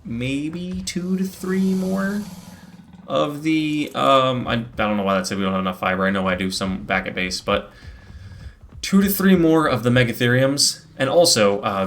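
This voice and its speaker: A man with a somewhat low voice talks through his game session in a relaxed, chatty way. He explains each step as he plays, with plenty of fillers and restarts, into a desk microphone at his computer. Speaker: gameplay video host. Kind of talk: casual gameplay commentary.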